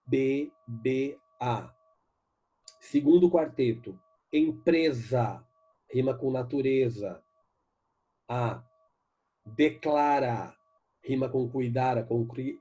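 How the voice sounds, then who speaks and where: Male teacher with a Brazilian Portuguese accent, mellow and breathy, reads verses slowly and explains them. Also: medium pitch, dull audio. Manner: explains and asks students questions, reads poems slowly. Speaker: literature teacher. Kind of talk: recorded online class lesson.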